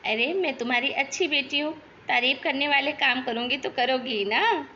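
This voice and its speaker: A woman's voice: high voice, moderate pace, pushed and bright, muffled recording, slight background noise. A woman voicing a chatty young daughter-in-law in a cartoon, complaining about her in-laws. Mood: gossiping. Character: gossipy young daughter-in-law, lazy and talkative. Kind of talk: cartoon voice acting.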